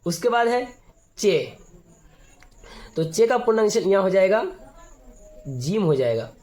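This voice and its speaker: Patient high-voiced man teaching the alphabet. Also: sing-song, measured pace, darkish tone. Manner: patient and repetitive, often clears his throat. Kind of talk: step-by-step alphabet lesson.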